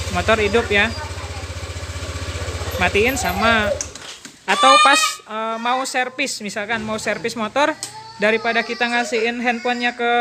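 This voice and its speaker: A woman's voice: fairly high pitch, background noise. A woman, demonstrating a motorcycle alarm step by step in a chatty way. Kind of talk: casual product demonstration.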